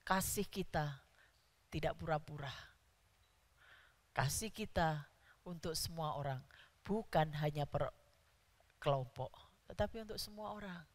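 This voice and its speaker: A woman preaching a sermon in a church, stressing key words loudly. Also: deep voice, unhurried, pauses often. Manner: emphatic, rising to loud stresses on key words. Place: church hall. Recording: church hall reverb.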